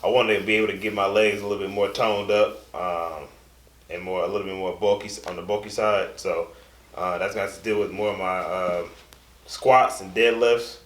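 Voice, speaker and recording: A young man with a low voice talks loosely and casually, trailing off into fillers as he goes. His voice bounces around an echoey room. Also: fairly even intonation, a little fast, a bit bright. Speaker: co-host. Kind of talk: casual chat.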